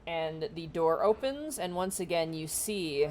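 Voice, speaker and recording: Low-voiced woman running a tabletop game. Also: expressive, unhurried, darkish tone. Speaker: game master. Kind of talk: improvised tabletop game narration. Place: online voice call for a virtual tabletop. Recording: faint noise on home microphone.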